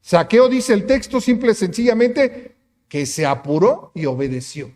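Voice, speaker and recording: A man's voice: high voice, very animated, normal speed, darkish tone, in a large hall. A man preaching a sermon as pastor, emphatic, asking the congregation rhetorical questions. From Mexico. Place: church sanctuary.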